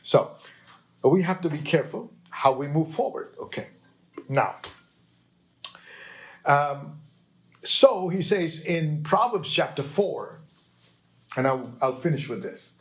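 A man's voice: a little high, expressive. A man preaching a sermon with emphasis, quoting scripture and checking in with his listeners. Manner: emphatic, slow, with call-and-response checks to the listeners.

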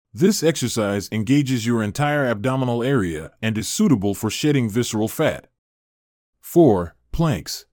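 A man reading a scripted narration about exercise in an even, informative way. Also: mid-range voice, no room sound, clean studio sound.

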